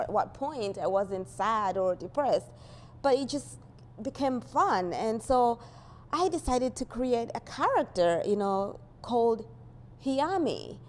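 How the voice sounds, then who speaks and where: A Ugandan-born artist presents her work in a fairly high, darkish voice over slight background noise. She talks casually and rambles, filling her speech with "you know" and laughing easily.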